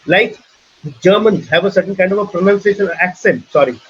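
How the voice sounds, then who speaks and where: Brisk and high-pitched with a somewhat bright tone, this middle-aged, Indian-accented trainer earnestly advises his webinar audience, frequently starting over and restating points. It's a casual teaching talk, captured as muffled video-call audio with a little hiss or hum.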